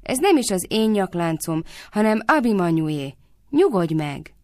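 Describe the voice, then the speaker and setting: A woman's voice: lowish voice, no echo, clean studio sound. A woman doing a weary, composed young woman. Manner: calm, sighing.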